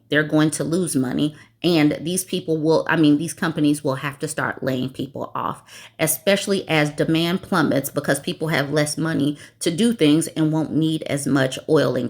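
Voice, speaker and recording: A woman with a somewhat low voice hosts a political commentary show. She reads news articles aloud and then cuts in with sarcastic, mocking remarks of her own.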